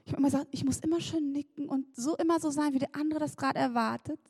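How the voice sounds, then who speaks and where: High-voiced woman preaching, dry sound. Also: quick pace, no room sound. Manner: lively and chatty, laughs and addresses the congregation directly. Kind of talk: sermon.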